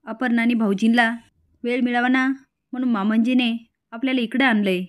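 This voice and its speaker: A woman voicing a bossy, sharp-tongued sister-in-law who needles her relatives in a retold serial. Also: on the high side, fairly even intonation, fairly quick, lightly acted. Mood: needling.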